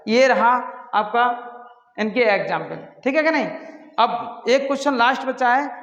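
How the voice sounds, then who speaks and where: A man's voice: very high voice, a bit bright. A man teaching a maths class, asking his students questions and answering them himself while he patiently repeats each step. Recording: roomy, echoey, dull lo-fi recording.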